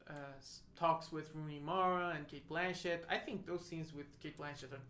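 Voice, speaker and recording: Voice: medium pitch, fairly even intonation, normal speed, a bit bright. Co-host in an echoey room. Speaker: podcast co-host. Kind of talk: casual film chat. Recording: echoey room with faint noise.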